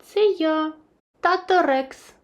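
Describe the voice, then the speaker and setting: Жінка озвучує добродушного тата-тиранозавра з казки, говорить лагідно й по-батьківськи. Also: female voice, sits high, slow pace, highs cut off, voice pushed up. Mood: good-natured. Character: kindly father tyrannosaurus.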